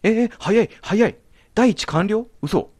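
A man's voice: high-pitched, lively intonation, takes it slowly, a little mellow, dry recording. A man commentating a horror game as he plays, jumpy, alternately exclaiming and muttering to himself. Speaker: let's play commentator.

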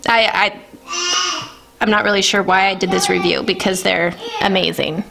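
A woman's voice: mid-range voice, fairly even intonation, moderate pace, gravelly, background noise. Woman, 30s, enthusiastic home product review, gushing, chatty. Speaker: nail art vlogger. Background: children.

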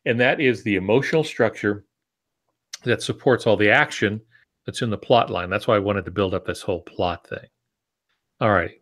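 Teaching informally and adding asides, an American man in his sixties talks at a moderate pace, his voice on the low side with a fairly bright tone. He's a writing teacher and podcast co-host on a video call from a home office, heard through wired earbuds.

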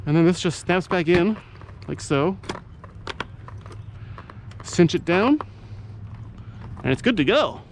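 A man's voice: sits high, lively intonation, slow, pauses often, slight background noise. A man giving a casual how-to narration as a vlogger showing his gear. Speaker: motovlogger presenting his gear setup.

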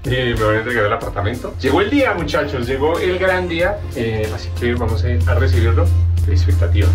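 A man, chatting excitedly to a handheld camera in a casual vlog. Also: medium pitch, moderate pace. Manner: upbeat, excitable, laughs often. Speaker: vlogger. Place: home office, then empty concrete apartment. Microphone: handheld camera at arm's length. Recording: echoey empty rooms with music.

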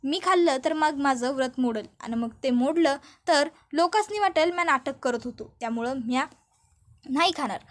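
A woman's voice: high voice, animated, moderate pace. A woman voicing a proud, stubborn village mother who refuses food, curt in rural dialect. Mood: stubborn, firm.

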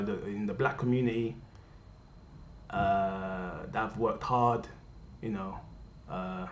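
A young guy from Cameroon rants to his webcam at his living-room desk, keeps repeating things to hammer them home and speaks right to his viewers with passion. His voice is fairly low. The vlog audio is echoey, roomy, dull and lo-fi, with a little hiss or hum.

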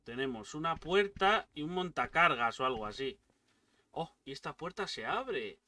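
Excitable, foul-mouthed gamer man. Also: fairly high pitch, normal speed, distant mic, a little hiss or hum. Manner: excitable, swears a lot, yelps at jump scares. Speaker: gaming streamer. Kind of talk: casual let's-play commentary.

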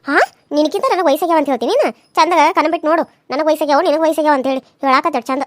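A woman's voice: high-pitched, rapid-fire, no room sound, studio quality, natural voice. A woman voicing a sulky, mocking woman in a cartoon serial, with a North Karnataka accent. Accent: North Karnataka Kannada.

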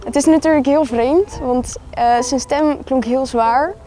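A young woman, a dating show participant, giving casual interview answers outdoors in a measured, hesitant way. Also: high-pitched, mellow. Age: young adult. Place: outdoors in a park. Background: music.

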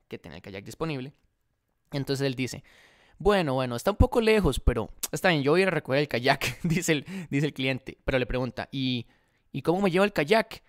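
A young Costa Rican dropshipping vlogger with a Costa Rican Spanish accent tells a story to camera in a casual vlog, animatedly acting out both sides of the dialogue. His voice is on the high side. He sits in an indoor room by a large window, close to a desk condenser mic in front of his face.

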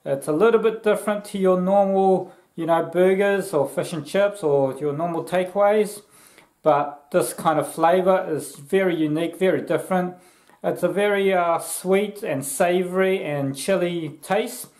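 A man in his thirties from Laos, casually explaining a recipe in his home kitchen, chatty and relaxed, filming himself at arm's length. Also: sits high, normal speed, low-quality recording. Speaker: vlog host. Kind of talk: casual cooking vlog.

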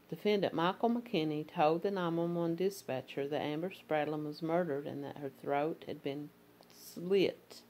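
A woman's voice: low voice, darkish tone, slight background noise. A woman with an Appalachian accent narrating a true crime case, reading court filings and commenting in a conversational way with fillers.

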